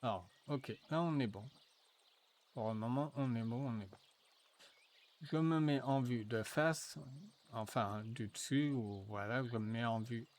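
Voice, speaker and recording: Guy doing a software tutorial, slow and hesitant, lots of ums, mid voice. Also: mid-range voice. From France. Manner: slow, hesitant, thinking aloud with many fillers. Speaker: tutorial presenter. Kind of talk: screen-recorded software tutorial.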